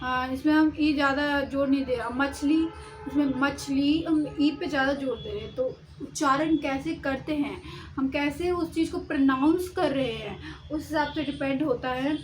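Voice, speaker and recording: A woman's voice: sits high, moderate pace, a little hiss or hum, poor audio. A woman teaching Hindi vowel signs, explaining step by step and sounding out letters, sometimes stopping to correct herself. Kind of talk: explaining a lesson on writing.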